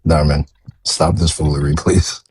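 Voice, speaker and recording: A man's voice: extremely low pitch, flat delivery, a little slow, a little mellow, a little hiss or hum. A man in his thirties chatting casually as a panel guest, guarded and reluctant in his answers. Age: 30s. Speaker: panel guest on a live show. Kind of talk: casual chat.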